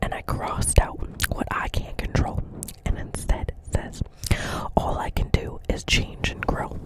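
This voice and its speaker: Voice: a little slow, rough recording. Whispered New Jersey receptionist role-play. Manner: rambling, earnest, repeats phrases and often checks in. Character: chatty, dreamy, earnest receptionist at a doctor's office.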